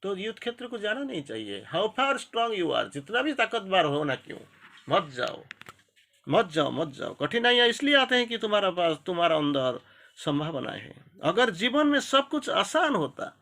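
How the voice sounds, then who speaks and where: A man with an Odia-influenced accent gives a spiritual pep talk. His voice is bright and gravelly, and his pitch swings widely. He hammers points home through repetition. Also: big pitch swings, normal speed. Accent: Odia-influenced Hindi. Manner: exhorting, repetitive, mixes English maxims into Hindi. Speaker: spiritual speaker.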